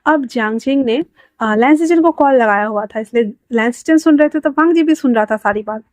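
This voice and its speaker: A woman's voice: on the high side, fairly quick, darkish tone, dry recording. A woman casually narrating a fan fiction story in a chatty, informal way.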